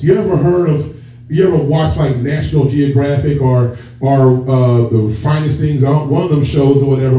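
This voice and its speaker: In a medium-pitched, warm voice, a church elder delivers a sermon, addressing the congregation conversationally and stretching key words for emphasis. He's in a sanctuary with a stage and rows of seats. Picked up from afar by a camera at the back of the hall, the sound is echoey, muffled and noisy.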